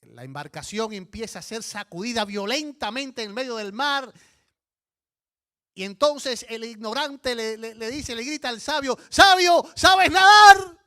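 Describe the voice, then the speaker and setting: A male pastor preaching a sermon, telling stories with emphatic, animated delivery. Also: very high voice, unhurried.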